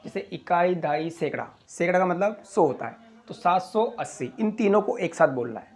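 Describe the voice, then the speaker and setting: A man teaching a school maths lesson, walking through place values slowly, step by step. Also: high-pitched, expressive. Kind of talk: classroom explanation.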